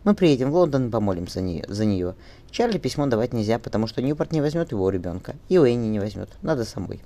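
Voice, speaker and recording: A man's voice: mid-range voice, very animated, fast talker, mellow. A man voicing a resolute young mother. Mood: determined. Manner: firm, tender with her daughter. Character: resolute young mother locked in her bedroom.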